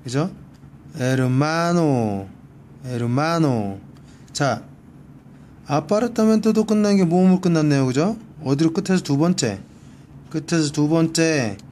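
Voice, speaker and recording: A man's voice: fairly high pitch, animated, normal speed, dark tone, slight background noise. A man teaching a one-on-one Spanish grammar lesson, patiently repeating each word for practice. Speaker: Spanish tutor. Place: library.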